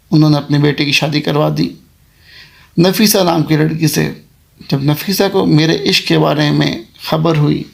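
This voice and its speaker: A man's voice: on the high side, creaky. A man voicing the female ghost of a haunted mansion, speaking in a solemn, warning tone as part of a told horror story.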